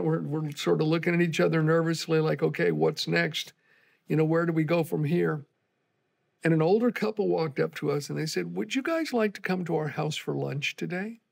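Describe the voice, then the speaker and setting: A man's voice: fairly high pitch, gravelly. An older man, a pastor, giving an earnest, conversational Bible teaching that moves into personal storytelling.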